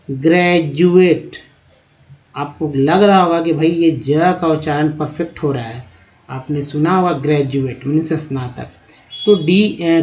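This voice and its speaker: A man teaching beginners to read, spelling out letters slowly and repeating each word. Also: on the high side, a little mellow. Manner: addresses viewers as friends, asks and answers his own questions. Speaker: English reading teacher. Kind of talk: explanatory lesson for beginners.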